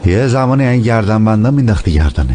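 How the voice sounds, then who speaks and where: A man playing a low-voiced boss. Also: expressive, over music, crowd noise, close to an everyday voice. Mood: measured. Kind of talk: dubbed TV drama.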